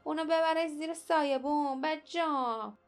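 A woman voicing a gruff, grumbling male prison guard who snaps orders. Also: high voice, fairly bright tone, soft background music, voice pushed up. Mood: irritated. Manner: snapping, bossy.

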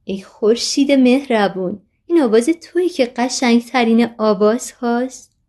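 A woman's voice: a little high, voice pushed up, natural voice. A woman voicing an eager, cheerful little boy in a children's story. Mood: excited. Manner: excited, wondering calls.

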